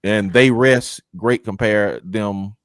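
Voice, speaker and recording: A man's voice: lowish voice, slow, dry recording. A man co-hosting a casual sports debate in an informal, conversational manner. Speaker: sports show co-host.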